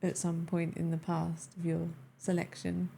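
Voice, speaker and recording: A woman's voice: on the low side, completely flat delivery, a little slow, vocal fry, mellow, slight background noise. A woman co-hosting a game stream, chatting casually and teasing her co-hosts. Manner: chatty, teasing, laughs easily. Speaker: stream co-host. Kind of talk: casual chat.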